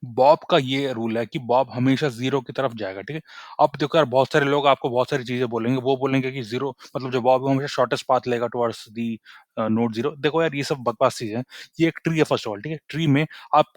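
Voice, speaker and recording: Guy talking fast thru a coding lesson, casual, dry mic, keeps asking "ok?". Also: mid-range voice, steady tone, no room sound. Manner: chatty, repeats "ठीक है?" after nearly every point. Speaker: coding tutor.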